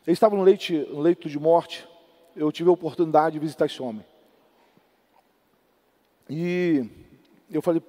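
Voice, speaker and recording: A male pastor preaching a sermon from Brazil, swinging between loud exhortation and soft storytelling. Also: high voice. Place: large church hall. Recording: long church hall reverb.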